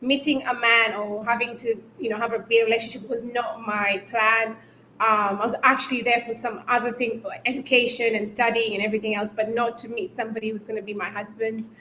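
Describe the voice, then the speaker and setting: A woman's voice: a little high, level tone, fairly quick, sharp tone, echoey room, slight background noise, rough recording. A young woman from Kenya, raised in the UK, telling her story as a guest in a casual interview, with many ums. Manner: chatty storyteller with frequent ums. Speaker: guest, YouTuber.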